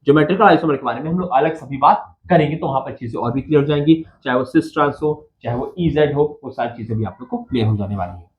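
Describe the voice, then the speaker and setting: A man teaching chemistry in a mix of Hindi and English, calling the students "bachcha" and asking questions he then answers himself. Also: mid-range voice. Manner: addresses students as "bachcha" and "babu", asks and answers own questions; counts carbons slowly while writing. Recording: dull lo-fi sound with faint noise.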